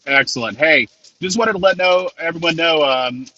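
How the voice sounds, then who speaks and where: A man giving a halting, unscripted live storm report from inside a moving car, with rain on the car. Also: on the high side. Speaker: field reporter phoning in from a car. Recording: dull, noisy live link from car. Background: rain on the car, clicks and rattling.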